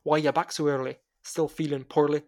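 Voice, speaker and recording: A man voicing a loud, cheerful Scottish woman who runs a bookshop, speaking in a booming, boisterous way. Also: flat delivery, fairly quick, natural voice. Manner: bellowing, boisterous.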